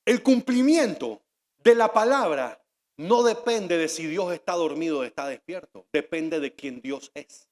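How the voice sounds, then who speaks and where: High-voiced preacher in a reverberant hall. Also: male voice, a little slow. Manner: animated, shifting between shouts and hushed asides. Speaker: pastor. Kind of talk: sermon. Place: church hall. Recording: long reverb of a large hall.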